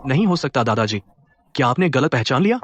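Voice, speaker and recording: An actor dubbing a calm, patient young husband and grandson. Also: male voice, mid-range voice, a little fast, dull audio, noisy background, natural voice. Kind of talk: Hindi drama dubbing. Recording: dialogue over music.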